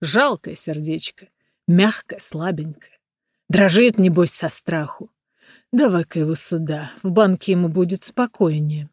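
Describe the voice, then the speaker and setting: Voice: medium pitch, unhurried, dry recording, clean studio sound, lightly acted. Smug, threatening giant sorcerer, put on by a reader. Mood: coaxing menace. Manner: shouting and threatening, then soft and coaxing. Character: smug, menacing giant sorcerer, a grown man. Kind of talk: storybook character voice.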